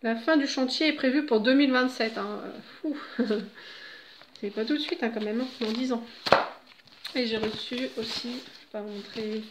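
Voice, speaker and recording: A woman's voice: fairly high pitch, moderate pace, background noise. A middle-aged woman at home, chatting casually and rambling with laughs and fillers. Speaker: vlogger.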